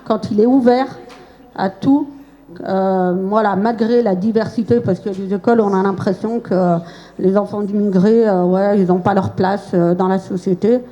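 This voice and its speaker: A woman's voice: mid-range voice, steady tone, moderate pace, dark tone, dull audio. A woman giving an unscripted testimony at a school event, hesitant, with many fillers and restarts. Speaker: former pupil giving testimony. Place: school event before children.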